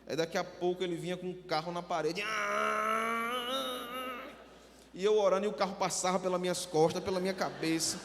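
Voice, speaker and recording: A man's voice: high-pitched, steady tone, brisk, gravelly, a bit bright. A male pastor tells a funny story in a sermon and acts out the voices of church members. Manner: humorous, acts out voices in anecdotes. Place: church sanctuary. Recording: long hall reverb, faint noise.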